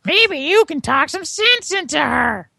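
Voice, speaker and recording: A woman's voice: high-pitched, very animated, measured pace, vocal fry, sharp tone, no echo, clean studio sound, heavily acted. A woman voicing a worried middle-aged mother who speaks earnestly. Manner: anxious, earnest.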